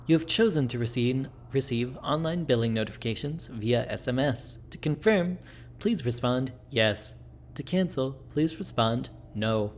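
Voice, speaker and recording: Automated billing system for a game, impersonal, formal, mid-pitched, male reader, slightly noisy. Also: expressive, a little slow, close to an everyday voice.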